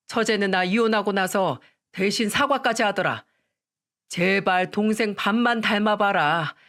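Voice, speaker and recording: A woman's voice: mid-range voice, fairly bright tone. A woman voicing an angry divorced man who scolds curtly in a story radio reading. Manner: scolding, curt.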